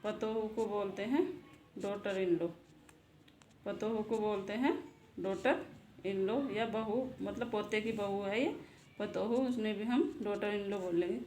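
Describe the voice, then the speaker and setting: A woman's voice: medium pitch, fairly even intonation, measured pace, warm tone. Echoey woman teaching English words. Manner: repeats each word twice, asks and answers herself. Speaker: channel host and English teacher. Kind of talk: casual vocabulary lesson. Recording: echoey room with faint noise.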